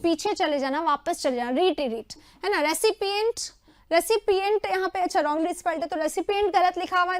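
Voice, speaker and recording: A woman teacher running an exam prep lesson, repeating word meanings in quick lists. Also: very high voice, no echo. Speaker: English teacher.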